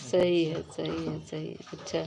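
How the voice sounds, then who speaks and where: Slow, teasing woman with a lilt. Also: low-pitched, flat delivery, vocal fry, warm tone. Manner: teasing, scolding viewers playfully, laughing. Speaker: live stream host. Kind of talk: casual live stream chat with viewers.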